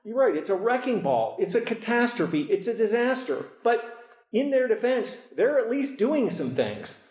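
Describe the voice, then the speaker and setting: A man with a high voice speaks emphatically at a conference, repeating words as he starts sentences. The low-quality stream makes him sound muffled and dull, and the hall adds a roomy echo. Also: very animated, normal speed, a little mellow. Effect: low-quality live stream recording. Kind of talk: public speech at a conference. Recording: echoey, muffled hall recording.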